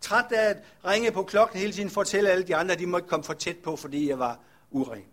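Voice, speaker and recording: A preacher voicing a weary leper farmer. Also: male voice, high voice, voice pushed up. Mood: weary, bitter. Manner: earnest first-person storytelling. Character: weary outcast male leper farmer, humble.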